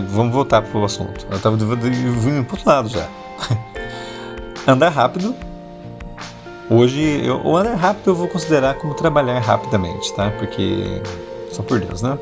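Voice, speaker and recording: A man, hosting an intimate late-night podcast monologue and deliberately talking slower and lower, though he still slips into speaking fast. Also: vocal fry, over music. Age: 40s. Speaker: podcast host.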